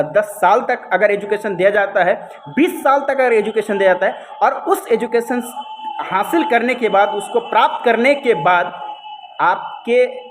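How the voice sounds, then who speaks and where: A man's voice: sits high, a little hiss or hum. A man with an Indian accent giving a lecture as a teacher, often adding tag questions and mixing in English phrases.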